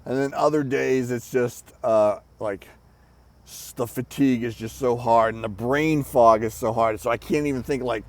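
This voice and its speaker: A middle-aged man gives a casual, rambling personal update, out of breath with short shallow breathing and halting between brief phrases. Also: medium pitch, fairly even intonation. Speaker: vlogger giving a personal health update. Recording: outdoor background noise with passing traffic. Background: birds, traffic and motorcycles.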